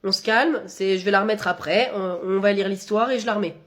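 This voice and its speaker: A woman performing comedy sketches, talking in a lively, exasperated scolding way. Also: medium pitch, fairly quick.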